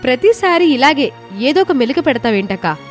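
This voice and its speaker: A woman voicing a lively, defiant teenage younger sister in an audio story, sharp-tongued and petulant. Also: sits high, a little fast, faint music behind.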